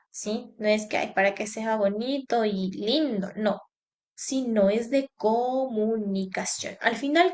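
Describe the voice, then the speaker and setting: A woman teacher giving a lecture, lively and emphatic, often checking in with her students. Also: high-pitched. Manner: lively, emphatic, keeps asking "¿sí?". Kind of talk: classroom lecture.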